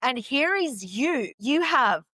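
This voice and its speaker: A woman hosting a talk show over a video call, effusive and emotional, reading quotes with dramatic pauses. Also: sits high, expressive, pushed and bright, no echo, poor audio. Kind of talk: warm interview reading quotes.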